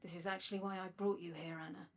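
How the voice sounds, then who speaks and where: An actress playing a mysterious, secretive machine-bodied woman who speaks calmly and earnestly with a husky voice. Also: lowish voice, natural voice. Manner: calm, measured, earnest.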